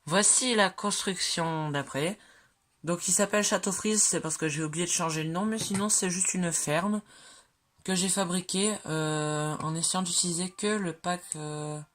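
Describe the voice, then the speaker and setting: There's slight background noise as a mid-range, somewhat bright voice proceeds at a measured pace. It's a game creator casually narrating a tour of their own builds, hesitant and full of fillers and self-corrections, who jokes chattily about their own slips.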